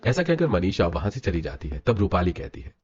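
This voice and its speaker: A man narrating a scripted animated story in a brisk storytelling manner. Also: deep voice. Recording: dull lo-fi with music.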